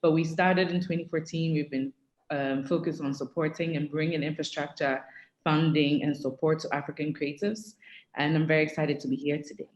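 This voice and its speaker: Low-voiced woman in an echoey room. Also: level tone, normal speed, darkish tone, dull audio. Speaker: foundation founder. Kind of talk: online panel talk.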